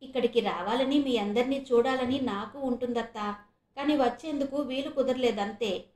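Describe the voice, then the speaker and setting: A woman voicing a kind young man who reassures his aunt warmly. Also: a little high, moderate pace, echoey room, pitched above the performer's own voice, lightly acted. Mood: reassuring. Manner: warm, reassuring.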